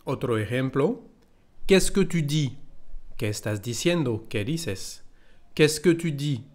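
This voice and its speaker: A man's voice: medium pitch, animated, slow. A man with a French accent teaching a language lesson, explaining carefully and reading out French example phrases.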